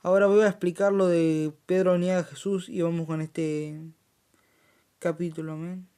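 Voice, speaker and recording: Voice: medium pitch, little pitch movement, normal speed, mellow, clear, resonant tone. A speaker explains and reads Bible passages in an informal study. They hesitate often, correct themselves and add amen, recorded on a handheld phone. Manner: hesitant, full of fillers and self-corrections, says amen often.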